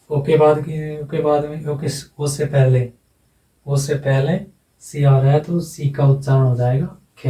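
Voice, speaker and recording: A man teaching English phonetics, going slowly and repeating each sound several times, often checking in with a short tag question. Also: medium pitch, dark tone, echoey room, far from the mic, poor audio. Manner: ends phrases with a checking "है ना". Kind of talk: whiteboard phonetics lesson.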